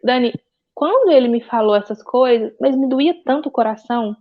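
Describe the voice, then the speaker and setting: A woman with a fairly high voice tells her own story with earnest, pained emphasis and keeps circling back over the same points. The sound is dull and lo-fi. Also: expressive, fairly quick. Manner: earnest, pained, repetitive retelling. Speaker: interview guest. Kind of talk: emotional personal testimony. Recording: dull lo-fi audio.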